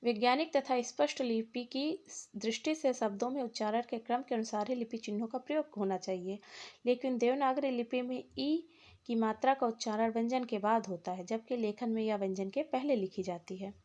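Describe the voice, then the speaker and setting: Woman teacher going through lecture notes, reading off word lists, voice on the high side. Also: moderate pace, a little mellow. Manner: explains point by point, reads out word lists. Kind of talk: exam-prep lecture on Hindi linguistics.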